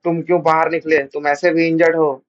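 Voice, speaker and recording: A man's voice: on the high side, flat delivery, brisk, lo-fi sound, natural voice. A man voicing a loyal young male soldier who anxiously urges his boss and comrade back, in a comic recap. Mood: worried. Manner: urgent, pleading.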